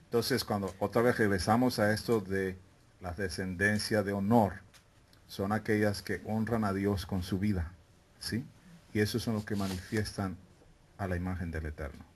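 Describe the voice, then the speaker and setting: A male preacher with a somewhat low voice teaches a Bible lesson in a meeting room. He keeps questioning his listeners and calls them brethren. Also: fairly even intonation, moderate pace, slight background noise. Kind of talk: interactive teaching sermon. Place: meeting room with a live congregation.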